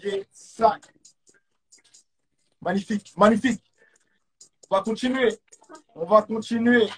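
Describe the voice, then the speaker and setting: A husky, high-sitting voice at normal speed belongs to this French-accented live stream quiz host. Hyped up, he repeats catchphrases and tosses out English exclamations, captured on a phone or webcam.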